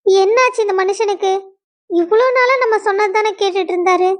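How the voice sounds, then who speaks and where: A woman's voice: extremely high pitch, brisk. A young woman acting a distraught wife who pleads with her husband in an emotional web drama. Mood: pleading.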